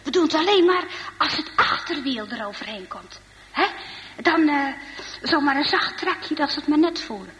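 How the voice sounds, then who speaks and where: A woman's voice: high voice, lively intonation, moderate pace, fairly bright tone, long reverb tail. A woman voicing a mischievous boy who likes to tease and plans pranks. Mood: scheming. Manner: teasing, scheming. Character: teasing mischievous boy, the ringleader.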